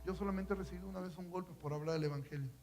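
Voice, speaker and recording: A man preaching a sermon, swinging from hushed, low passages to loud, climbing ones and pressing the listeners with rhetorical questions. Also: fast talker, a little hiss or hum, poor audio.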